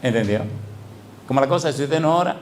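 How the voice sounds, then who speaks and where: Preacher with a lively, higher voice. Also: male voice, a little fast, slight background noise. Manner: lively preaching with rhetorical questions and playful sound words. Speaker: pastor. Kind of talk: sermon.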